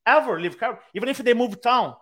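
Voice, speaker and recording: A very high-pitched, quick-paced man speaks with a Brazilian accent. Calling in by video from his own room, this speaking coach tells stories in a podcast interview with lots of animation, acting out the quotes.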